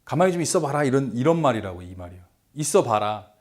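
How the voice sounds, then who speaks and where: A man's voice: medium pitch, very animated, fast talker. A middle-aged man giving a lecture, explaining step by step, repeating key words and posing rhetorical questions.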